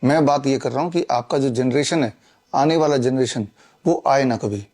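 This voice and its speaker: A man talking straight to his viewers, telling a story with many pauses and fillers as he explains. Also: medium pitch, darkish tone. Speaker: video host. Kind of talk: persuasive storytelling monologue.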